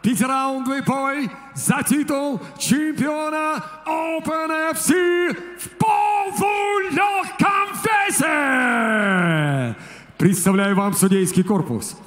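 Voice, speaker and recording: Booming high-pitched male ring announcer. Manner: booming stage introduction with drawn-out shouted names and rapid-fire stats. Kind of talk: fight introduction announcing. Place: large sports arena. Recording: echoey arena PA, some background noise.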